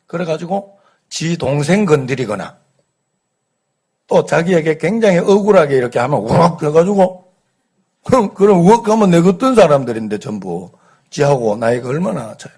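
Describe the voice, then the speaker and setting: A middle-aged pastor with a light Gyeongsang accent, preaching a conversational Sunday sermon, telling folksy stories and asking the congregation rhetorical questions. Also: male voice, a little high, a little mellow, husky. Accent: light Gyeongsang dialect. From Gyeongsang region, South Korea.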